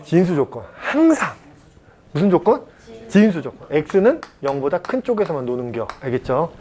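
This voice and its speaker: A man teaching a math class at a cram school, blunt and chatty, joking and mock-scolding his students and checking in with quick questions. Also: a little high, very animated, dark tone. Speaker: math tutor.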